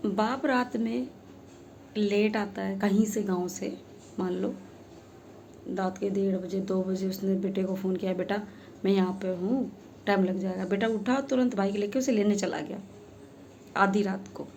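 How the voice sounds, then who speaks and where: A woman's voice: mid-range voice, fairly even intonation, a little slow, pauses often, darkish tone, a little hiss or hum. Earnest woman telling a heartfelt story. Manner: earnest, emphatic, with rhetorical questions. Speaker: social media creator.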